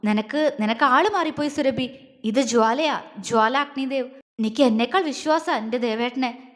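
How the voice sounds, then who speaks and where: A woman's voice: high voice, lively intonation, moderate pace, in a large hall. A woman voicing a furious young wife. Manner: fierce, shouting accusations.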